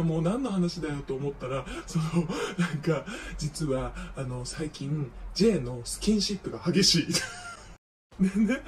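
Young male vlogger, high voice, campy animated gossip, set back from the mic with faint noise. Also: distant mic. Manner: animated gossip with feminine speech style, acts out friends' lines. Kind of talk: casual storytelling monologue.

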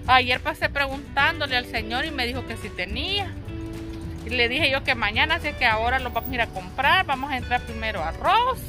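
A woman's voice: high-pitched, expressive, brisk, over music. A middle-aged woman from El Salvador with a Salvadoran accent, chatting casually to viewers as she hosts a shopping vlog on a handheld phone. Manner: conversational, addresses viewers as little friends. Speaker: vlog host. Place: outside storefronts, then inside a large discount store. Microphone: handheld phone at arm's length.

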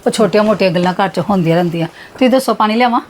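A woman's voice: mid-range voice, a little hiss or hum, lightly acted. A woman playing a mild, respectful elder daughter-in-law who hurries to play things down in a family drama skit. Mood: placating. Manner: soft-spoken, hurried reassurance.

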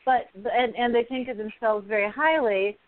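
Brief: female co-host, slightly high voice, emphatic, dry phone-line sound. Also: normal speed, dry recording. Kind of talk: commentary on a talk show.

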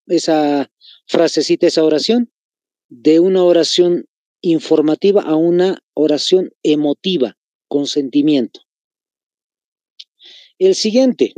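A man's voice: high-pitched, dark tone, dry recording. Bolivian man teaching, repeating key phrases. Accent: Bolivian Spanish. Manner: explains patiently, repeats key phrases, addresses students as chicos. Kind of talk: online class lesson.

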